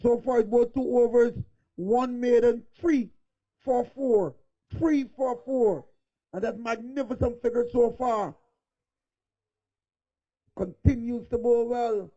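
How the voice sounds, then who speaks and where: A man giving live cricket play-by-play, excitable and rising to shouts on big hits, heard on a dull lo-fi recording. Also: very high voice, a little slow, pauses often. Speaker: cricket commentator.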